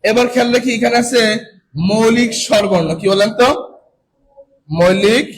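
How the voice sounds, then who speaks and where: A man's voice: extremely high pitch, fairly even intonation, moderate pace, a little hiss or hum, low-quality recording. A man teaching a classroom lesson who keeps asking his students questions and then answering them himself, stretching out the key words for emphasis. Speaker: coaching teacher. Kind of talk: classroom lecture.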